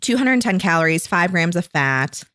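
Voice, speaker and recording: A woman's voice: lowish voice, sing-song, moderate pace, fairly bright tone, clean tone, no echo, clean studio sound. A woman co-hosting a casual podcast chat on a headset, reviewing products and reading out label figures. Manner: chatty, reads out label figures. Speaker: podcast co-host.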